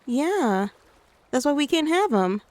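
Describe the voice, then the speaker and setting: A tender, doting mother, as a woman puts her on for an ASMR role-play, coaxing the listener like a little one. Her voice sits high and unhurried. The sound is dry and close. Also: big pitch swings, a little mellow, dry recording, full character voice. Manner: soothing, coaxing, talks to the listener as a child. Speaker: ASMR creator.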